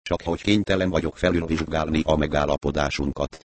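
A man's voice: a bass voice, steady tone. A man voicing a cocky middle-aged boss who teases and toys with a little crook. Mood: teasing. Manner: cocky, teasing.

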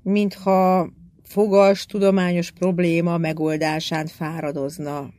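Measured audiobook narrator, dry sound. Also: medium pitch, flat delivery, darkish tone, no room sound. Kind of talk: scripted narration.

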